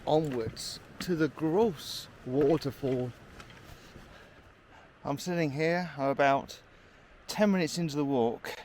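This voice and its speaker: Hiking a mountain trail, a man vlogs to a handheld camera, chatting casually as he walks and slightly out of breath. His voice is fairly high and a little mellow, slow and with frequent pauses. There's a bit of hiss or hum.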